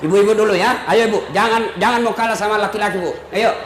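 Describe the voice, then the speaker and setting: Male preacher cracking jokes at a big gathering, high voice, loud room noise behind. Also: fairly even intonation, quick pace, roomy sound. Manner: joking, teasing the audience, plays both sides of dialogues. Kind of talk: humorous sermon to a crowd. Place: large public religious gathering.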